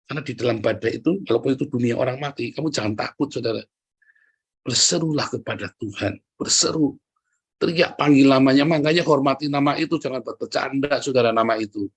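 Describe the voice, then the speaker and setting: A male pastor gives a lively sermon, mixing jokes and asides with earnest urging. His voice is a little husky and sits in an ordinary middle pitch. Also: a little fast. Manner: lively, joking preaching, keeps addressing the congregation.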